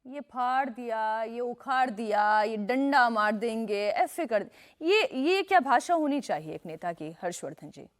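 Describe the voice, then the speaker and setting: A woman's voice: on the high side, animated, unhurried. A woman news anchor moderating a TV debate, asking pointed, probing questions.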